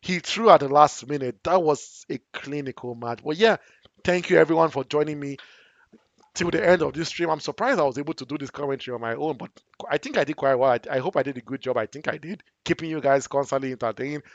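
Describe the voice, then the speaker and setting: A young man commentating a live game stream on his own, excitable and shouting at big plays, a little hoarse from talking. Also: a little high, fast, dry recording, muffled recording. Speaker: esports commentator and stream host.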